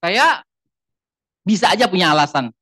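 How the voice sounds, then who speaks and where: A man's voice: high-pitched, expressive, moderate pace, pushed and bright, breathy edge, no room sound, poor audio. A male guest pastor giving a sermon in a conversational, storytelling way, often asking the congregation rhetorical questions.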